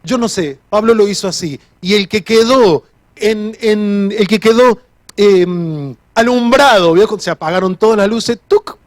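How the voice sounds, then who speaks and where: High-voiced pastor preaching. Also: male voice, measured pace, dry recording. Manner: earnest, repeats key phrases, restarts sentences. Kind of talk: sermon.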